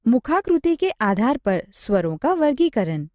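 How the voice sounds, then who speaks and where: A woman reading a scripted grammar lesson, spelling out examples one at a time in a slow, measured way. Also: a little high, sing-song, warm tone, no echo, clean studio sound. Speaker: teacher.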